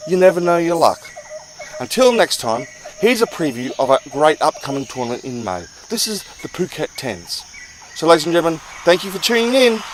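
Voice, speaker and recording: A man hosting a rugby show, presenting scripted highlights in an upbeat, emphatic showman style. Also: a little hiss or hum, rough recording. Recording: music playing behind the voice.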